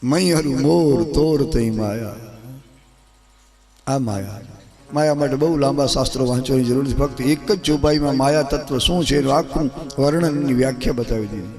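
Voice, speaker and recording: Gujarati man, katha preacher, storytelling sermon over steady devotional music. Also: mid-range voice, a little fast. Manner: storytelling with rhetorical asides to devotees. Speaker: Shiv Puran katha preacher.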